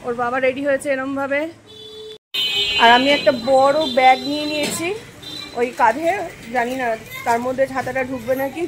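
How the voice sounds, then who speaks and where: A young woman vlogs in speech, her voice high and bright. She talks to her viewers casually and keeps asking them questions. The phone recording picks up plenty of background noise. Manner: chatty, addresses viewers directly with questions. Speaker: vlogger. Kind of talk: casual vlog narration.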